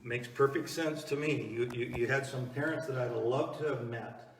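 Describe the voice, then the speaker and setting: In an echoey room, slightly distant with some noise, a man plays a small-town talk-show host in a comedy skit. He presents in an easygoing, halting way. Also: medium pitch, fairly even intonation, close to an everyday voice. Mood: agreeable.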